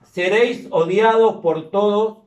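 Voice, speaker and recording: A priest speaks slowly and deliberately, in a slightly high voice. He sounds set back from the microphone, and his words ring through a big cathedral echo in a large church. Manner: measured, careful, explanatory. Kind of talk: liturgical reading and homily. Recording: echoey church from a distance.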